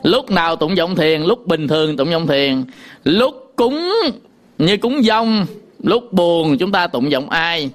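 A man teaching sutra chanting, explaining in quick casual talk and breaking into slow, drawn-out chanted demonstrations. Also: on the high side, very animated. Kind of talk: chanting lesson with sung demonstrations.

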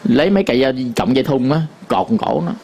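A man's voice: mid-range voice, very animated, quick pace, a little mellow. A man with a Southern Vietnamese accent, a Buddhist monk giving a dharma talk to an audience, telling stories with many fillers and repetitions.

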